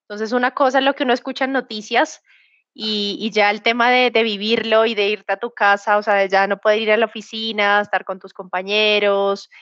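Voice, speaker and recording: A woman in her thirties with a Bogotá Colombian accent, a podcast guest who talks with frequent pauses and restarts. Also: medium pitch, fairly even intonation, fairly bright tone, dry recording. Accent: Bogotá Colombian Spanish. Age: 30s. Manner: hesitant, many fillers and restarts. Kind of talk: conversational interview. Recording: dull lo-fi remote audio.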